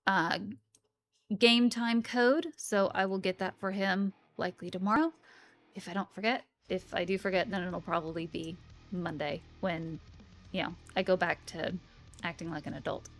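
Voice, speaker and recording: A woman's voice: fairly low pitch, moderate pace, faint music behind. Tired woman streamer chatting casually. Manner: relaxed, rambling, many fillers. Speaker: game streamer. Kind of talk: casual live-stream chat.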